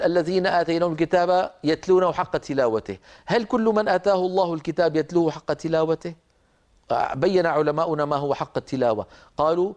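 A man with a slightly raised pitch teaches Quran recitation rules. He explains grammar and pronunciation, then demonstrates sounds slowly and carefully, pausing between segments. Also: darkish tone. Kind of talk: tajweed lesson with live correction.

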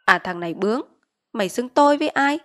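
Woman doing a brutal shouting village chief. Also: on the high side, expressive, fast, voice pushed up, close to an everyday voice. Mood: furious. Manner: barking, yelling orders.

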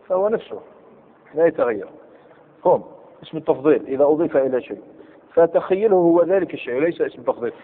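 A man teaching a grammar class, quizzing his students and repeating each example. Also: a little high. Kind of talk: classroom lesson. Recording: tinny lo-fi recording in echoey hall.

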